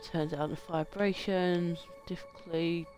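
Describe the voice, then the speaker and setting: A gaming host talks at a slow, drawn-out pace, sounding groggy and a little sore in the throat. The commentary is casual and playful, slipping into reading game dialogue aloud. Music plays behind the voice. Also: medium pitch, fairly even intonation, a little mellow.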